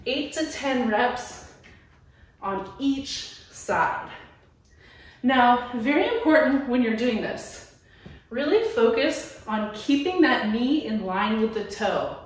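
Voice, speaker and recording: A woman trainer leads a home workout, cheering the viewer on as she moves through each exercise. She speaks slowly in a slightly high voice. She stands well away from the camera in a small, very echoey room. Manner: encouraging, coaching while moving. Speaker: fitness trainer. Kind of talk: workout instruction. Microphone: camera at a distance. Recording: very echoey room, far from mic.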